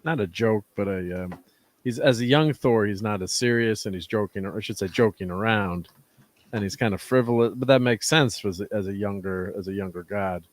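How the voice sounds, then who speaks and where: Casual host, lower male voice, meandering and halting delivery. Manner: rambling, halting, laughs often. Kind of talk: casual chat.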